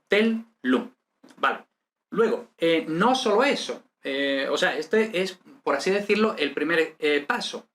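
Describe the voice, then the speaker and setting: A man's voice: a little high, a bit bright. A man teaching a lesson step by step, hesitant, with many fillers and checking questions. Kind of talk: step-by-step lecture.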